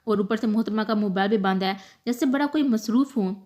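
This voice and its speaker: A woman's voice: mid-range voice, lightly acted. A woman voicing a young female friend who scolds and worries, in a storybook reading. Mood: scolding. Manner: sharp and scolding.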